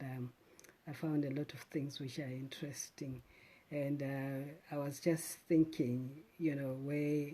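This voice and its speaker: A middle-aged woman from Zimbabwe, hosting a casual live stream and thinking aloud in an unhurried way, with many "um"s and restarts. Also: low voice, mellow.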